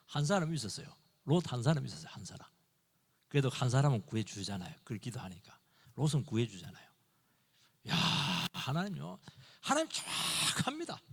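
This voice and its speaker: A middle-aged male pastor preaching a Sunday morning sermon, acting out dialogue in short, animated bursts. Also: mid-range voice, vocal fry, husky. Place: church sanctuary. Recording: long hall reverb in a church.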